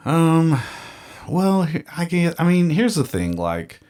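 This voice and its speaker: Guy hosting a podcast, slow and rambly, voice bounces up and down a lot, jokey. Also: on the high side, big pitch swings, darkish tone, smooth. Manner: rambling, hesitant, joking. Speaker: podcast host. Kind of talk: casual podcast chat.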